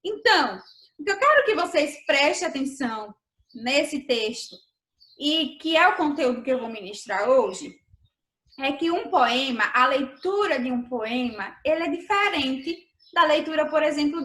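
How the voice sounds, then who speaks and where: Bright high-voiced woman teacher. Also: animated, moderate pace, reverberant. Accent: Brazilian Portuguese. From Brazil. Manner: patient, explanatory, checks in with "tá bom?". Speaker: primary school teacher. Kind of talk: remote video lesson.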